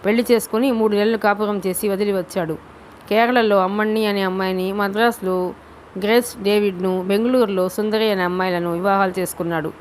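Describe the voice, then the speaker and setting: A woman voicing a blunt male police officer who speaks in a flat, matter-of-fact way. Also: medium pitch, brisk, slight background noise, natural voice. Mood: stern.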